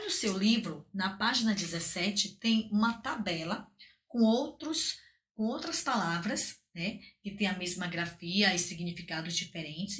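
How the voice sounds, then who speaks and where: A woman with a Brazilian Portuguese accent teaches a recorded class lesson. She explains each point patiently, step by step, and often pauses to check that her students follow. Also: mid-range voice, fairly bright tone. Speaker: Spanish teacher.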